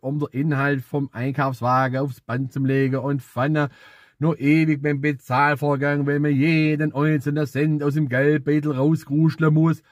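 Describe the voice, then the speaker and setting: A man with a Swabian accent giving a casual, humorous dialect lesson, speaking in a playful, expressive, chatty manner. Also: on the high side, no echo, clean studio sound. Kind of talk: casual comedic explainer to camera.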